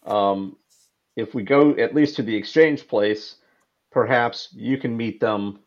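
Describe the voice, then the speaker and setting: A man's voice: mid-range voice, takes it slowly. A man playing a tabletop game, thinking aloud about a plan. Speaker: player. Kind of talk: casual game talk. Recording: dull lo-fi sound.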